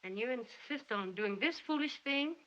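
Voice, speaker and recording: A woman's voice: a little high, animated, normal speed, fairly bright tone. A prim, disapproving woman, muffled old film sound. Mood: scandalized. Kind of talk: 1930s film acting. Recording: dull 1930s film soundtrack.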